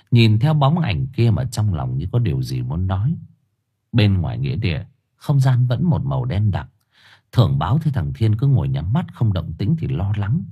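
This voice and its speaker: Expressive husky male narrator for a fantasy audiobook, animated pitch. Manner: expressive, dramatic. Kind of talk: scripted story narration.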